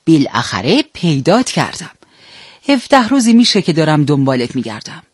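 A man's voice: a little high, sing-song, slightly rough, dry recording, clean studio sound. A man doing a sly wheedling fox. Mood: persuasive. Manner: wheedling and persuasive. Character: sly flattering male fox, the lion's minister.

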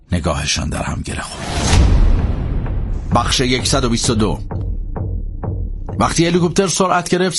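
A man narrating an audiobook dramatically, swinging from tense to hushed. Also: fairly low pitch.

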